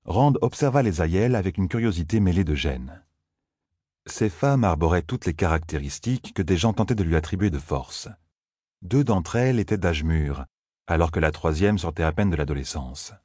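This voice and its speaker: Deep, husky male audiobook narrator. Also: animated, normal speed, dark tone, no room sound, clean studio sound.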